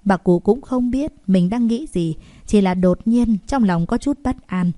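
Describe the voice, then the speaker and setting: A woman narrating a novel in an even, steady voice of middle pitch. The reading is calm and measured. The recording is dry and close. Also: no echo. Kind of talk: audiobook narration.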